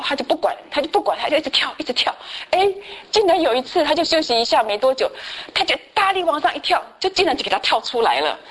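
A woman's voice: medium pitch, low-quality recording. Chatty woman teaching a church class. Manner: lively storyteller, tags sentences with a chatty particle, asks the class questions. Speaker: church Bible study teacher.

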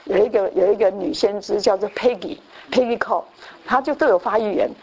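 A woman with a medium-pitched, fairly quick, slightly mellow voice preaches over a faint hiss or hum. She tells her testimony as a sermon story, full of repetitions and restarts, mixing in English phrases and sometimes acting out the voices of the people she quotes.

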